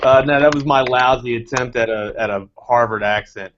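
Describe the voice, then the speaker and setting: A man's voice: mid-range voice, normal speed, fairly bright tone. A man co-hosting a fantasy football podcast, rambling in casual chat with many restarts. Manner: rambling, many restarts and fillers, laughs easily. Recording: dull lo-fi audio.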